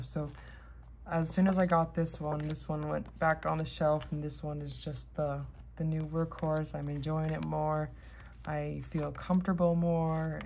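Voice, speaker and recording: Casting: woman, low-pitched, sleepy and rambling casual vlogger, some room noise behind her. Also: a little mellow. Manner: sleepy, unhurried rambling with trailing-off thoughts. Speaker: host of a tarot deck haul vlog.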